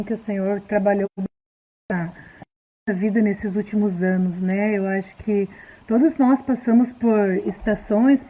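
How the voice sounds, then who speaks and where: Woman, soft-spoken and reflective, live stream, high voice, thin phone-line sound. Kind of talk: casual live talk. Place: indoor room at home. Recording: tinny phone livestream.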